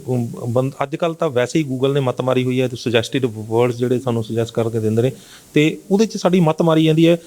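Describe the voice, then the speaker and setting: A man's voice: fairly high pitch, mellow. A man interviewing a teacher, asking long, informal questions.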